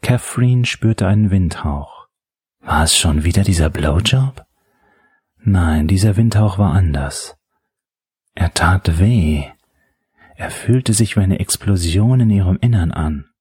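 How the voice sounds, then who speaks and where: A man reading an audiobook in a measured, steady way. His voice sits very low and has a husky grain, recorded dry and close with no room sound. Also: no echo. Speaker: narrator. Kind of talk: audiobook narration.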